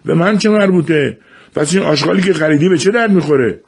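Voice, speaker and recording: A defiant teenage boy yells back in a high, strained voice, far above the reader's own pitch, as a male narrator puts him on. Brash and loud, with a husky edge, in this spoken story. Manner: yelling back.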